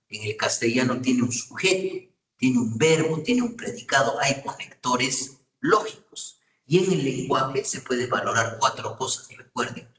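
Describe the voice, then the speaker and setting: A male lecturer teaching a class, pausing often to ask his students whether they follow. His voice sits at an ordinary pitch. It rings in an echoey room and is picked up from some distance away. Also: fairly bright tone. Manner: asks frequent checking questions to students. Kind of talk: university lecture on psychopathology.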